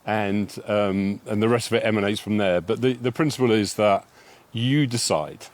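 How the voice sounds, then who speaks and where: A man's voice: fairly low pitch, normal speed. A man co-hosting a podcast while walking outdoors, a chatty upbeat storyteller. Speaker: podcast co-host. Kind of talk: casual walking conversation. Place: outdoors on a walk.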